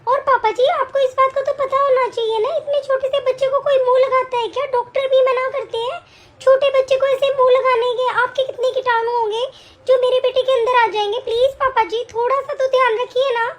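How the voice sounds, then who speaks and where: A woman's voice: extremely high pitch, fairly even intonation, fairly quick. A woman playing a bossy young daughter-in-law. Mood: lecturing. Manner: scolding, commanding. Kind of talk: amateur family drama acting.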